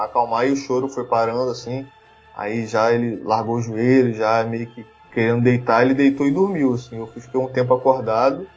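Speaking in a husky, slightly mellow mid-range voice, this Brazilian Portuguese-accented man spins a casual story packed with fillers and false starts. His manner is talkative, and the audio comes through dull.

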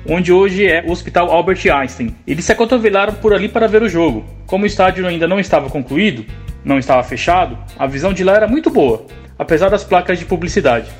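Male segment presenter, Brazilian accent, high pitch, quick scripted narration. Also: lively intonation, breathy edge, soft background music.

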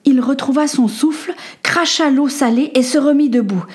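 High-voiced woman reading a story. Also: normal speed, darkish tone. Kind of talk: scripted storybook narration.

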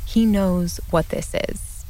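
A woman's voice: fairly low pitch, takes it slowly, dark tone, poor audio. A woman narrating a scripted documentary in an informal, explanatory way with emphatic phrasing. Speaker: narrator and host. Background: background music.

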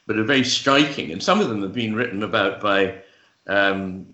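A man speaking as a guest author, explaining ideas in measured talk with frequent pauses, fillers and restarts. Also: on the low side, bright, forceful tone. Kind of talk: thoughtful explanatory interview talk. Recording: roomy, dull lo-fi sound.

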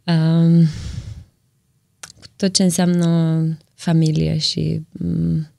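A woman from Romania, a guest in a casual podcast chat, speaking hesitantly with many pauses and fillers. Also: low voice, completely flat delivery, gravelly, a little mellow, dry recording, clean studio sound.

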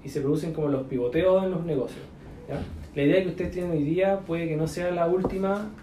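A man's voice: a little high, steady tone, a little fast, background noise. A man with a Chilean accent, mentoring entrepreneurs in a casual chat full of slang, fillers and coaching asides. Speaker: business mentor. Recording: echoey room.

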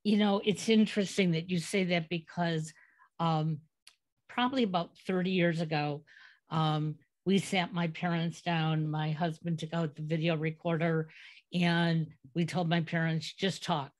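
A woman's voice: fairly low pitch, steady tone, a little slow. A middle-aged woman hosting a podcast interview, reminiscing and telling family anecdotes. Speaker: podcast host.

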